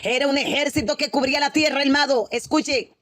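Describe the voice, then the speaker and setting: Speaking a little fast in a high, fairly bright voice with a steady tone, a woman delivers a Pentecostal testimony sermon about a prophetic vision. Her fervent, repetitive storytelling is interrupted by shouts of praise and hallelujahs. The recording is dry and of studio quality.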